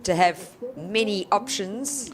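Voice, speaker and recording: A woman's voice: medium pitch, expressive, takes it slowly, crowd noise. A woman co-commentating on a surf contest with conversational, colloquial and appreciative analysis.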